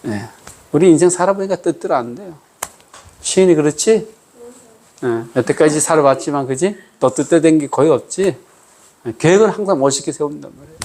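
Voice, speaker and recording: Preaching in a brisk, expressive voice that is on the high side and darkish in tone, a male pastor keeps his sermon conversational. He regularly asks the congregation questions in call-and-response style and varies his pace for emphasis.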